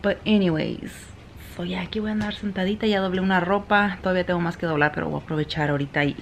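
A woman in her thirties with a Mexican accent talks casually to her camera at home, sliding between Spanish and English in the same breath. Her voice sits a little low for a woman. A faint hum of household sound runs behind her. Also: fairly even intonation, fast, creaky. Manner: chatty, mixing Spanish and English mid-sentence. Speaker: vlogger. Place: home indoors.

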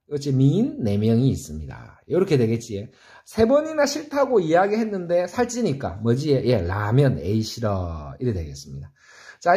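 Lively sing-song Gyeongsang man teaching. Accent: Gyeongsang Korean. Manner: call-and-response quizzing, asks then answers himself; sing-song, jumps between high questions and low answers. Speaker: saxophone teacher. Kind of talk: online music theory lesson.

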